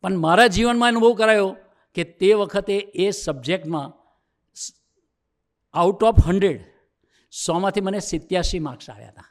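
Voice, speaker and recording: A man's voice: high voice, normal speed, pauses often. A man, a monk, giving a talk to a youth assembly as a personal story, acting out the dialogue and lifting his voice to drive points home. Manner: lively storyteller who acts out quoted dialogue and rises for emphasis. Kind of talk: sermon told as a personal story.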